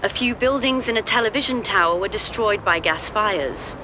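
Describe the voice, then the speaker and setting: A woman voices a TV news anchor in a game cutscene, delivering scripted bulletins crisply and formally while noise sits behind her. Her voice is medium-pitched and natural, at a normal speed.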